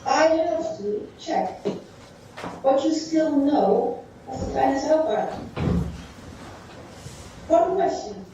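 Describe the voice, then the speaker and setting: A woman teaching a sailing course over a video call whose audio breaks up, freezes and stutters. She talks haltingly and repeats words. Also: high voice, very animated, background noise. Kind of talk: online class lecture. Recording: dull, distant, echoey video call line.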